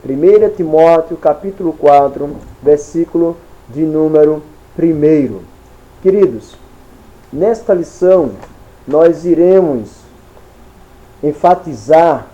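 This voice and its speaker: A man with a Brazilian Portuguese accent teaching a Sunday school Bible lesson in slow, deliberate short phrases. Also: fairly high pitch, warm tone, poor audio.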